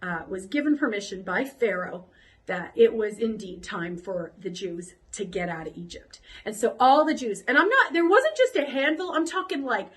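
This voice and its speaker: High-voiced woman telling a kids' Bible story. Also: poor audio. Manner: animated storyteller acting out crowd voices. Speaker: children's pastor.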